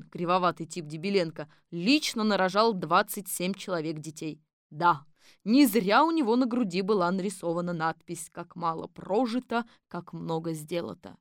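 A woman's voice: lowish voice, no room sound, studio quality. Woman reading a children's story. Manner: lively, ironic storytelling. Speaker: narrator. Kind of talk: audiobook narration.

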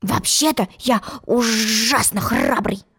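A woman's voice: fairly high pitch, expressive, normal speed, fairly bright tone. A woman reading a storybook, voicing a timid, anxious little warrior who hesitates as he speaks. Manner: hesitant and worried.

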